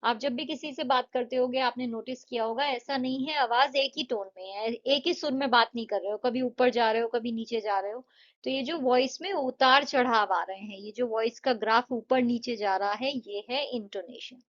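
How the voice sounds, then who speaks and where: A woman's voice: a little high, moderate pace. A woman teacher explaining exam answers step by step, patient, mixing Hindi and English. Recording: dull lo-fi audio.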